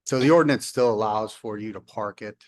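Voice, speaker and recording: A man's voice: fairly low pitch, fairly quick. A man on city staff patiently explaining an ordinance at a public council meeting, with some ums. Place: council chamber.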